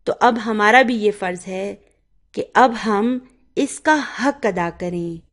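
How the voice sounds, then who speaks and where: A woman teaching Arabic grammar in Urdu. She explains step by step and often checks that the listener has followed. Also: mid-range voice. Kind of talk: grammar lesson.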